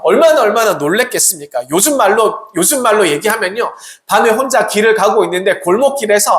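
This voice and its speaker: Sermon, animated pitch, rhetorical questions, acted-out quotes, echoey sanctuary. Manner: rhetorical questions, acts out quoted prayers and replies. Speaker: Salvation Army officer preaching. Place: church sanctuary. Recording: echoey church room.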